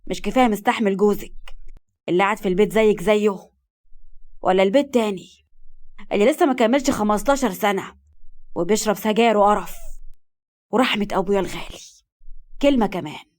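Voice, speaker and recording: A woman's voice: mid-range voice, fast talker, long pauses, a little mellow, natural voice. A woman with an Egyptian accent voicing a commanding, hot-tempered young man in her own voice. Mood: angry. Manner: commanding, firm.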